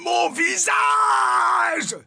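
A man's voice: on the high side, expressive, unhurried, vocal fry, fairly bright tone, husky, no room sound, studio quality, pitched above the performer's own voice, full character voice. A man voicing a panicked old professor in an audiobook, his voice strained, shrieking and broken. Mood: shrieking terror.

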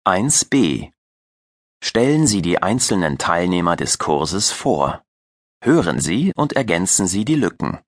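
Deep-voiced man narrating a language lesson. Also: sing-song, no echo, studio quality. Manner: slow, clear, didactic. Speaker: language-course narrator and teacher. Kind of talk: scripted audio lesson narration.

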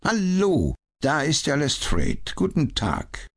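A man's voice: fairly high pitch, huge pitch swings, takes it slowly, husky, pitched above the performer's own voice, exaggerated voice. A man reading an audiobook, voicing the ironic, cool detective Sherlock Holmes with a raised, mocking tone. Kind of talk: audiobook character voice.

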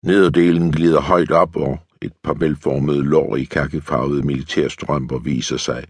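A man reading an unabridged war novel as an audiobook narrator, in a low, subdued voice. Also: steady tone, husky, no echo, clean studio sound.

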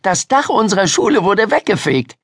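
A man voicing a chatty, excited schoolgirl who babbles without pause, in a storybook reading. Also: high voice, dry recording, clean studio sound, voice pushed up, heavily acted. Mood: excited chatter. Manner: babbling nonstop, gushing.

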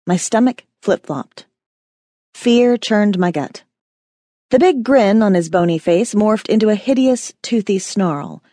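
A woman's voice: medium pitch, expressive, measured pace, dark tone, dry recording, studio quality. A woman narrating a first-person fantasy audiobook with wry, dramatic storytelling.

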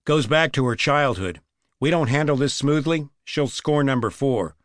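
A man's voice: medium pitch, animated, moderate pace, no echo, studio quality, natural voice. A man doing a terse, grumbling cop. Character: wary, blunt male police partner. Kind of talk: audiobook character voice.

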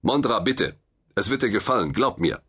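A man's voice: on the low side, expressive, normal speed, a bit bright, breathy edge. A man doing a coaxing immortal leader. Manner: coaxing, insistent.

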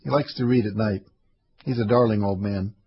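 Man reading as a kindly nurse, husky, mid-pitched, slightly muffled. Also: normal speed. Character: friendly female floor nurse.

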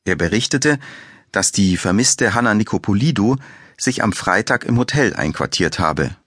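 Brief: male author-narrator of a crime audiobook, lowish voice, dry close sound, measured. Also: lively intonation, fairly bright tone, slightly rough, dry recording.

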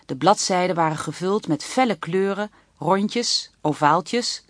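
A woman reading a children's book aloud in a steady, clear narrating voice. Her voice is on the low side, and the recording is dry and close with no room sound. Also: unhurried, no room sound. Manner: even, clear storytelling. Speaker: audiobook narrator.

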